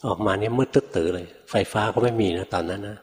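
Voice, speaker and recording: An older man, a Buddhist monk, giving a relaxed, folksy storytelling sermon, often ending phrases with a soft tag particle. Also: fairly low pitch, fast. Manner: relaxed, folksy, peppers speech with a soft tag particle, acts out quoted voices. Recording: long hall reverb.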